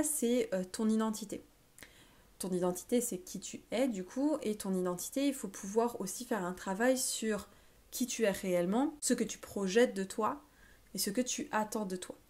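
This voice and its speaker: A woman life coach talks one-on-one to her viewer, speaking casually and informally. She lists her points step by step and often pauses on small fillers as she thinks aloud. Her voice sits at an ordinary middle pitch. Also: a little mellow. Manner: informal, addresses the listener as tu, many filler pauses. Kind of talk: self-help video talk to the viewer.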